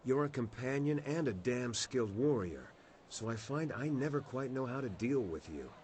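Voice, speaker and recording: An actor playing a worldly male warrior companion in a video game, speaking in an earnest, measured, reflective way. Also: medium pitch, lively intonation, slight background noise, close to an everyday voice. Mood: teasing. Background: loud game music.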